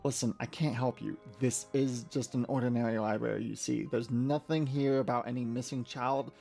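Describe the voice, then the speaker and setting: A man's voice: mid-range voice, steady tone, normal speed, gravelly, warm tone, faint music behind, natural voice. A man voicing a fussy, motherly female librarian who calls people dearie, sweet but nervous. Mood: shaken.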